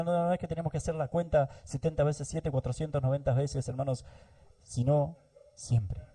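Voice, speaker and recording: A man's voice: a little high, mellow. A man from Argentina preaching a sermon in church, addressing the congregation and saying amen often. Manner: preaching, repeatedly addressing the congregation, frequent amens. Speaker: pastor.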